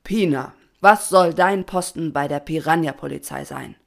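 A woman voicing a stern, proud male piranha police chief who barks his orders loudly. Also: low-pitched, moderate pace, creaky. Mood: commanding. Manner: loud commanding barking.

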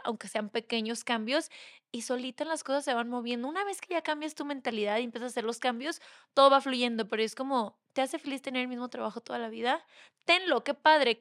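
A woman's voice: a little high, fairly bright tone, no echo, studio quality. A young woman with a Mexican accent, a podcast guest talking candidly and acting out the voices of her family and friends. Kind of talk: casual chat.

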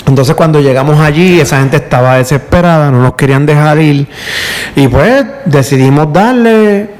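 A middle-aged man with a Puerto Rican accent, a power utility worker recounting a hard experience in an emotional, halting, repetitive way. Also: a little high, darkish tone. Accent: Puerto Rican Spanish. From Puerto Rico. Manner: emotional storyteller, repeats words, tearful at times. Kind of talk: emotional casual conversation.

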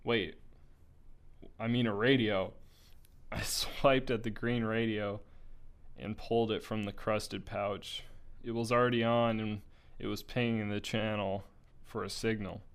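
Smooth-voiced young man reading a story. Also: fairly low pitch, fairly even intonation, measured pace, long pauses. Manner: casual, with slips, laughs and asides.

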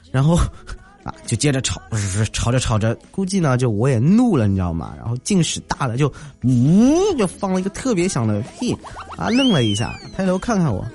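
A man hosting a show, telling comic anecdotes in a lively storytelling manner and mimicking the people in them. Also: mid-range voice, normal speed. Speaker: host. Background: faint music.

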